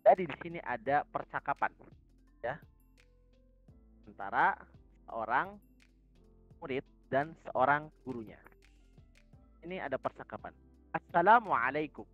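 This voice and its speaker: A man with an Indonesian accent teaching an online language lesson, explaining calmly and reading dialogue lines slowly. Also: no room sound, faint music behind. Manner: reads dialogue lines slowly with a raised pitch; explains calmly to the group in a casual way. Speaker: Arabic teacher. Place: voice chat on a community server. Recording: dull lo-fi voice chat audio.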